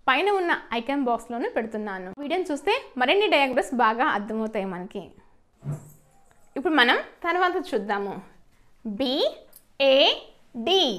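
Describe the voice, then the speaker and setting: In a high-pitched voice, a woman walks through English spellings slowly and step by step: she names the letters, then pronounces each word loudly and stretched out, posing questions and supplying the answers herself.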